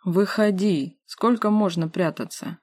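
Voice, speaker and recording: A woman's voice: on the low side, normal speed, a little mellow, no echo, clean studio sound. A woman reading a brash, teasing ancient man. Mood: pestering. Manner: brash, mocking, easygoing. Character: cheeky centuries-old man, big, teasing. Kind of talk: audiobook character voicing.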